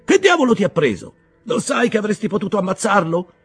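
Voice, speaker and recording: A man voicing a skinny, blustering ship captain who shouts his threats in a high, shrill voice. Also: very animated, a little fast, breathy edge, soft background music, heavily acted. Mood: outraged.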